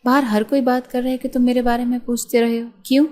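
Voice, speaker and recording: A woman voicing an angry, sharp-tongued young woman doctor who scolds with scorn. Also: medium pitch, lightly acted.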